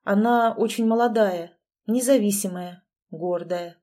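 A reserved, guarded grown man, as read by a woman storyteller, speaking in a flat, terse way. The tone is soft and mellow, close to the reader's own voice. It is a storybook read-aloud. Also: medium pitch, unhurried, close to an everyday voice. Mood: earnest.

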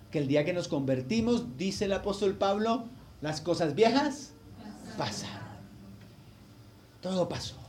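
A male pastor delivers a heartfelt sermon in a notably high voice. He swings from loud, emphatic lines down to hushed, intimate asides. A faint hum of room ambience sits behind him. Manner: emotional storytelling, swinging between loud emphasis and quiet asides.

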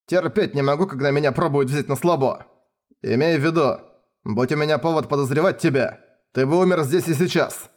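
A man's voice: on the high side, brisk, close to an everyday voice. A man voicing a brash, hot-tempered male general who taunts and blusters in a raised voice. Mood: threatening.

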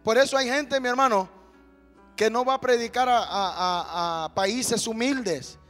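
A male pastor delivers a sermon from a church pulpit. His voice sits very high and rings bright and forceful, swelling into shouted calls and amens. Soft music plays faintly behind him. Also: a little slow. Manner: preaching with rising shouts, call-and-response amens.

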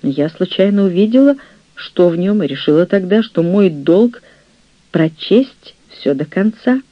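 A man reading an audiobook, voicing an older, jealous and scheming nurse, a widow, in a shrill, reproachful way. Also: expressive, unhurried, no room sound, dull audio. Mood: flustered.

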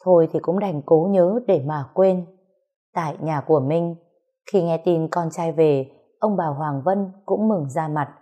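A woman narrating a written story in a steady, even way. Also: low voice, a little slow.

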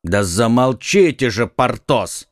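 A man's voice: low voice, sing-song, unhurried, a little mellow, dry recording, studio quality, pitched below the performer's own voice. A man doing a stern, noble musketeer. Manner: curt, scolding.

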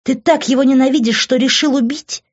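Fiery young woman, read by a woman: shrill, yelling, audiobook. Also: fairly even intonation, a little fast, lo-fi sound. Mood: furious. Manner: shouting, voice breaking.

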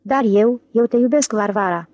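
A woman's voice: on the high side, dry recording, highs cut off, lightly acted. Woman doing Lohankin, nasal whiny husband. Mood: pleading. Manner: wailing, pompous and melodramatic. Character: whiny self-pitying intellectual husband, middle-aged man.

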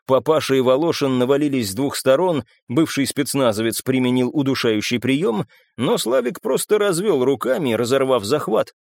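A man's voice: medium pitch, animated, normal speed, vocal fry, few pauses, a little mellow, dry recording. Dramatic male audiobook narrator. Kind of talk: scripted narration.

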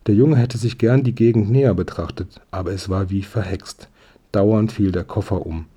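A man reading a children's story aloud as narrator in a calm, even manner. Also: on the low side, normal speed, breathy edge. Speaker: audiobook reader.

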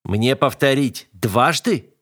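A man voicing a cruel, arrogant young nobleman who taunts his captive with slow, drawn-out commands in an audiobook. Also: medium pitch, animated, fairly bright tone, no echo, studio quality, voice pushed up. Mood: sneering. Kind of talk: audiobook character voice.

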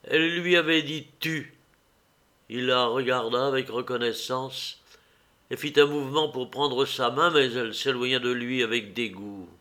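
A man narrating a classic novel in a measured, expressive audiobook reading. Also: medium pitch. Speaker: audiobook reader. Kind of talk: literary narration.

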